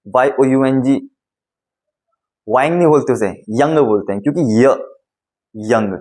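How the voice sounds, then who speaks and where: A young man, an English teacher giving a phonics lesson, saying each sound slowly and repeating it several times. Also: medium pitch, warm tone, poor audio.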